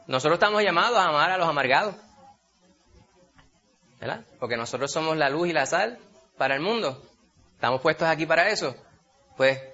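A man preaching a sermon, animated, asking rhetorical questions and calling his listeners brother. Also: fairly high pitch. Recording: dull lo-fi recording.

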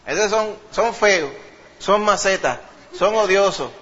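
Bright-voiced preacher. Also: male voice, high voice, takes it slowly, highs cut off. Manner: lively preaching, addressing the congregation as brother. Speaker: pastor. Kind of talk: sermon.

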